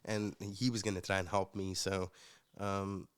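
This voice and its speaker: A young man, a musician guest, telling his personal story in an earnest, reflective way with halting restarts. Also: low-pitched, little pitch movement, smooth. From South Africa.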